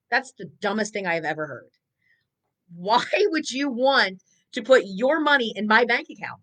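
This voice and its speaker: A woman's voice: a little high, rough recording. A woman who manages rental property, talking casually and animatedly on a live stream. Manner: chatty, animated, acts out dialogue with clients.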